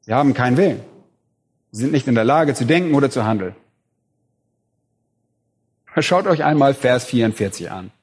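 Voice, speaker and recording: A man's voice: medium pitch, animated, moderate pace, pauses often, husky. A man preaching a sermon in an emphatic way, rising on key words. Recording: reverberant hall.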